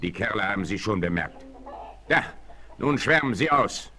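An actor playing a bold, commanding frontier hero in a 1960s German radio play, declaiming with resolve. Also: male voice, fairly low pitch, lively intonation, normal speed, pushed and bright. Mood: tense, watchful. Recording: 1968 vinyl radio play, noisy.

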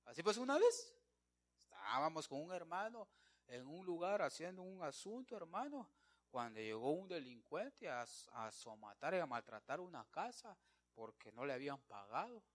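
A male preacher, his voice sitting a little high. He delivers an evangelical sermon emphatically, calling out to his listeners as brother and swinging from loud declarations to hushed asides. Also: big pitch swings, moderate pace.

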